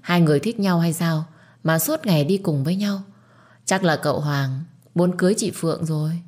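A woman's voice: lowish voice, normal speed, darkish tone, close to an everyday voice. Woman voicing a scheming girl: sweet-talking, wheedling. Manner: sugary, wheedling.

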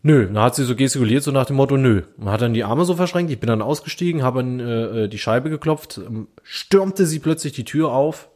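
A man telling everyday work anecdotes in casual chat, lively and full of fillers. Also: mid-range voice, fairly quick, hardly any pauses. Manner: lively anecdotal, with many fillers and acted dialogue. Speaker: podcast co-host telling anecdotes. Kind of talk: casual storytelling.

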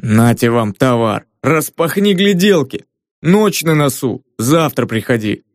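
A male audiobook narrator voicing a fat, grumpy and quick-tempered gatekeeper. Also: a little high, a little mellow, no echo, studio quality, close to an everyday voice. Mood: indignant, blustering. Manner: grumbling, indignant, blustering.

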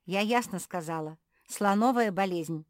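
A woman voicing a rude, sharp-tongued female frog who snaps and mocks loudly in an audiobook. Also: mid-range voice, unhurried, dry recording, studio quality, pitched above the performer's own voice, close to an everyday voice. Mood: mocking. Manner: snapping, sarcastic, loud. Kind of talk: audiobook character voice.

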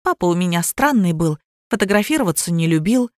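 A woman voicing a calm young adult daughter who answers evenly, in an audiobook. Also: on the low side, a little fast, no room sound, studio quality, natural voice. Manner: even, conciliatory.

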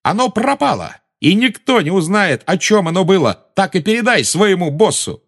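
A man voicing a defiant teenage boy wizard who shouts and taunts, in an audiobook reading. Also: sits high, sing-song, moderate pace, voice pushed up, heavily acted.

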